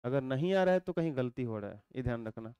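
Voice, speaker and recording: A male teacher, giving a chemistry lecture, explaining slowly and repeating points while quizzing his students. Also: medium pitch, animated, warm tone, clean tone, dry recording, highs cut off. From India.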